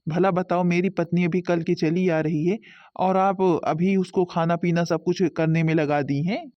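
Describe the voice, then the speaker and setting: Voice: mid-range voice, steady tone, moderate pace, no echo, lo-fi sound, pitched below the performer's own voice, lightly acted. A voice actor playing a blunt, reproachful young husband and son in a cartoon.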